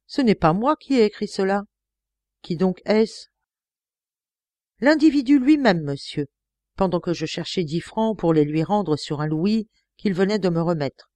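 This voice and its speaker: A woman reading an audiobook, voicing an offended middle-aged widow who runs an inn, with sharp outbursts. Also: medium pitch, animated, a little slow, dry recording, lightly acted. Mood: puzzled. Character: indignant respectable widow innkeeper, middle-aged.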